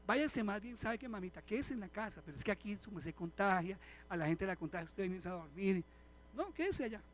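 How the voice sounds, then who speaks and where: An older pastor, voiced by a preacher putting on a hushed, coaxing tone, gently scolding a woman who dozes in church. His voice stays very high for a man, but quiet and fatherly. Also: lively intonation, brisk.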